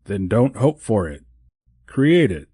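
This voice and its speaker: A man voicing a kindly, wise old Santa Claus in an audiobook, talking in a fatherly, gentle way. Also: lowish voice, sing-song, slow pace, slightly rough, no echo, clean studio sound, full character voice. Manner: avuncular, calls her "my dear". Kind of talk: audiobook character voice.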